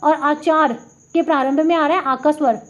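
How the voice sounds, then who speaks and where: A woman's voice: sits high, steady tone. A woman tutor with a Rajasthani Hindi accent, explaining grammar examples one sound at a time and pointing out each one as she goes. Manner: patient, step-by-step, repeats sounds slowly and points at the board. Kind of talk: classroom lesson explaining examples. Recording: dull lo-fi audio.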